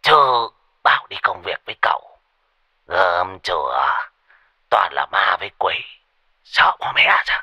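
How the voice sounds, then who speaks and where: Brief: a man playing a jokey, cowardly old villager in a spoken ghost story, pitch jumping high. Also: big pitch swings, a little slow, vocal fry, pauses often, bright, forceful tone, breathy edge, dry recording, exaggerated voice. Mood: teasing refusal.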